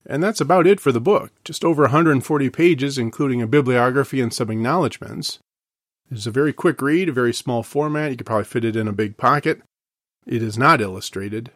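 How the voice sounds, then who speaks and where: A man with an Inland North American accent giving a scripted book review, measured and slowing down to sound out example words. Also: mid-range voice, dry recording, clean studio sound.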